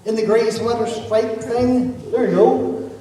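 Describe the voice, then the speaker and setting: A man's voice: very high-pitched, fairly even intonation, a little slow, a little hiss or hum. Man hosting a kids' puppet show. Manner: friendly, coaxing kids to help. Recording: echoey hall, far mic, loud kids.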